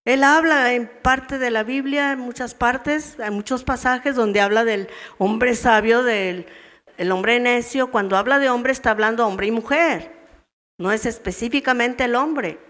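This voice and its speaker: A woman with a Mexican Spanish accent teaches a women's church meeting, firing question after question at her listeners and acting out how wives reply. Her voice is fairly high, a little slow and a bit bright, with long hall reverb from the church.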